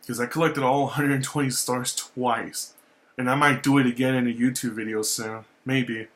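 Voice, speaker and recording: A man's voice: mid-range voice, normal speed. Casual young man rambling on camera. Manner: relaxed, rambling, repeats himself, swears casually. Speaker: YouTuber showing his game collection. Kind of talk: casual vlog talk.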